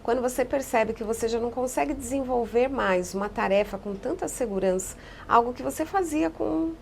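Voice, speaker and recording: A woman psychologist giving calm, explanatory answers in a podcast interview, often echoing key phrases. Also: fairly high pitch, brisk, gravelly, slight background noise.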